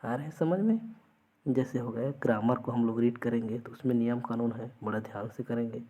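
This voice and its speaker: A man's voice: medium pitch, brisk, narrow, tinny audio. A man teaching an exam-prep lesson, explaining through everyday examples and often checking that students follow.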